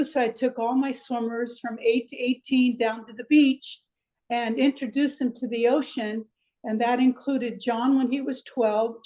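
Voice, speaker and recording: A woman's voice: on the high side, warm tone. An older woman from Iceland, a swim coach, talking reflectively in a chatty way with lots of fillers during an interview. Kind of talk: interview over video call.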